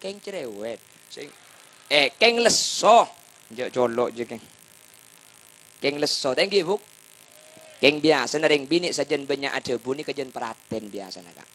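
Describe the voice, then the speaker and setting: A man giving a humorous sermon, swinging from soft asides to loud impassioned bursts. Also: medium pitch, animated, moderate pace, pauses often. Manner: chants salawat and sings lines. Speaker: preacher.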